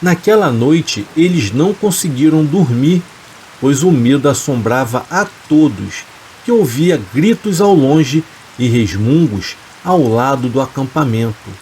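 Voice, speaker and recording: A man, calmly reading a scripted horror story in a steady, measured way. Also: mid-range voice, a little hiss or hum, low-quality recording. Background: rain.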